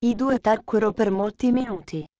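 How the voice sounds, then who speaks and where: A woman reading a children's classic aloud in measured storybook narration. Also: medium pitch, mellow, no echo, highs cut off. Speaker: audiobook narrator.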